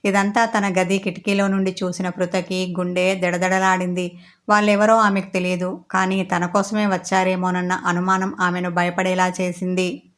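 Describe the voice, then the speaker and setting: A woman narrating a romance story in a steady storytelling manner. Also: on the low side, normal speed. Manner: steady storytelling with quoted dialogue.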